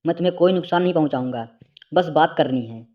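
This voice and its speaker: A man's voice: on the high side, fast talker, lo-fi sound, lightly acted. A man voicing a menacing middle-aged male family friend who talks in a cold, mocking way, in a storybook reading.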